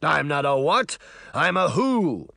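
A man's voice: fairly high pitch, sing-song, slow pace, creaky, pushed and bright, no echo, clean studio sound, voice pushed up, heavily acted. A man doing a vain, pompous magic mirror. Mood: theatrical. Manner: pompous, showy bragging. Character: vain, theatrical male magic mirror face.

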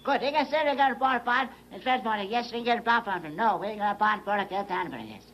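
A man playing an excitable, friendly, childlike troll who babbles in garbled, repetitive phrases on an old children's show. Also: high-pitched, quick pace, highs cut off, loud music behind the voice, close to an everyday voice. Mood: excited. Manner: babbling, garbled nonsense phrasing, repeats words. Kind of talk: children's make-believe show acting.

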